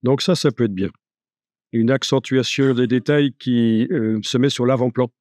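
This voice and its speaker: A man giving a live software tutorial, chatty and joking, thinking aloud as he works. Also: medium pitch, normal speed, no echo, studio quality. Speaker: software instructor.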